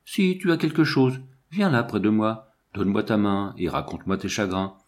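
A man's voice: fairly low pitch, normal speed, lightly acted. A man reading the part of a haughty, mocking Italian countess in an audiobook, with a theatrical, declaiming manner.

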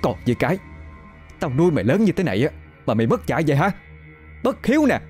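A hot-tempered older woman from a spoken ghost story barks and scolds in a high, shrill voice, played by a male narrator. Her pitch leaps wildly, and soft music runs underneath. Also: expressive, fast, lightly acted. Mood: furious. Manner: scolding and shouting.

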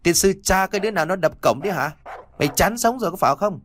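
A man voicing a bullying middle-aged male servant who yells insults. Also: high voice, lively intonation, slight background noise, voice pushed up. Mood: furious. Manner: shouting, fast, abusive.

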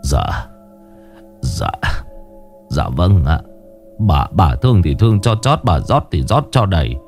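A man's voice: deep voice, big pitch swings, takes it slowly, a little mellow, faint music behind, pitched below the performer's own voice, full character voice. A humble middle-aged father , as a male narrator puts him on, pleading and deferring, his voice rising and falling widely. It is earnest and submissive in this spoken horror story.

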